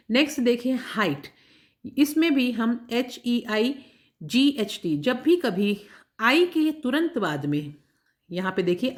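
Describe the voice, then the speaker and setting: A woman teacher taking schoolchildren through a workbook lesson, patiently spelling words out letter by letter and checking they follow along. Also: on the high side. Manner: addresses children directly, checking understanding. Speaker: English teacher.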